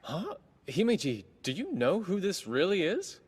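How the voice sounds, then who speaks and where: A man's voice: high voice, wildly swooping pitch, unhurried, slightly rough, full character voice. A man playing a cocky, blunt teenage boy in an anime dub, speaking casually with a taunting edge. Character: cocky, blunt teenage boy, top-ranked game player.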